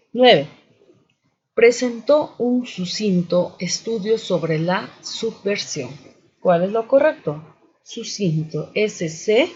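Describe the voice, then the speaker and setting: Slow and methodical, this man teaches students spelling and accents, often saying "continuamos" and "muy bien." His voice sits high with a darkish tone, captured in dull lo-fi audio.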